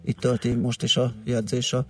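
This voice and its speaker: A man's voice: mid-range voice, monotone, recorded from a distance. A man hosting a business radio show, asking questions in a conversational way and giving brief acknowledgements. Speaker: radio host.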